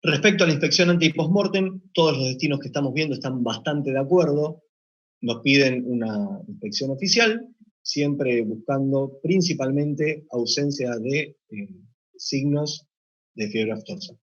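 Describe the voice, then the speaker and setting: Husky man giving a technical talk. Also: medium pitch. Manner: measured, explanatory, occasional hesitations. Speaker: meat plant deputy manager presenting. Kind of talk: technical conference presentation. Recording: dull lo-fi recording.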